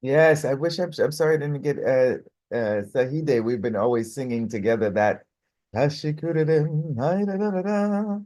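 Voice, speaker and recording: An American woman hosting a live workshop gives effusive closing thanks, laughing frequently and drawing her words out slowly. Her low, mellow voice is captured in a dry recording.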